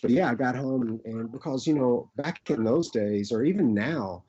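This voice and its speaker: A middle-aged man with an Arkansas accent, casually reminiscing as an interview guest in a rambling, halting way. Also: medium pitch, warm tone, a little hiss or hum. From Arkansas, United States. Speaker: actor, podcast guest. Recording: dull, lo-fi audio.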